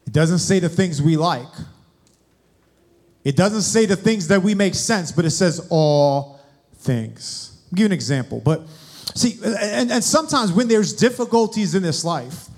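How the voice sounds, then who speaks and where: A man's voice: high voice, animated, unhurried, a little mellow. A young man preaching a sermon, addressing the congregation directly with questions. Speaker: guest preacher.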